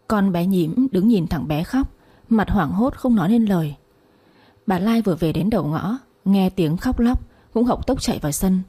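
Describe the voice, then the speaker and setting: A woman narrating a domestic family story in a steady storybook reading. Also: mid-range voice, husky.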